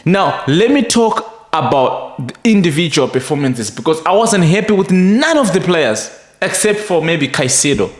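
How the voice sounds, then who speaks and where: A man's voice: on the high side, very animated, normal speed, few pauses. Frustrated man ranting about football. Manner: frustrated, emphatic, repetitive. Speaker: football fan reviewer. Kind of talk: ranting match review. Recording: echoey room.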